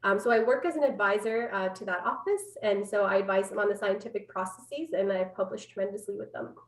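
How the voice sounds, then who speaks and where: Over a roomy, distant video-call microphone, a woman in her thirties explains her public health research conversationally from a room at home as an interview guest. Born in Afghanistan and from Canada, she has a Canadian accent and a mid-range voice that moves a little fast.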